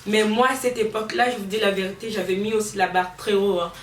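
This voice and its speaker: A woman's voice: mid-range voice, fairly even intonation, fast, roomy sound, recorded from a distance, soft background music. A young woman with a Congolese French accent, telling a personal story to her viewers in a chatty, laughing way. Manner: chatty, addresses viewers directly, laughs often. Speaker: vlogger. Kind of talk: storytime chat to camera.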